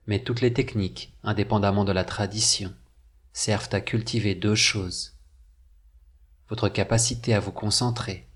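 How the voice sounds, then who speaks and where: This guided meditation is read from a script by a man whose fairly low voice has a slightly rough edge. He speaks in a measured, deliberate way and leaves pauses between phrases.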